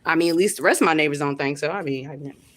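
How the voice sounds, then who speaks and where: A woman's voice: low voice, fast, fairly bright tone. A woman from Florida, ranting casually and profanely on a home livestream, rambling and talking straight to her chat. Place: at home by a window.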